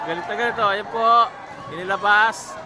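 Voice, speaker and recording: A man doing excited, joking play-by-play of a match and shouting on big plays. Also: fairly quick. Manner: shouts and pitch jumps on each play, teasing asides about the coach. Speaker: amateur commentator filming a volleyball match. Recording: loud crowd and background noise.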